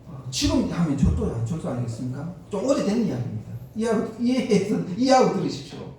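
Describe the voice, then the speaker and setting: A male pastor preaches a sermon in a high, lively voice, acting out the people in his stories. He is caught by a distant microphone in a church sanctuary. The hall gives a heavy, ringing echo, with faint noise underneath. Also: fast. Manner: animated storyteller acting out quoted speech.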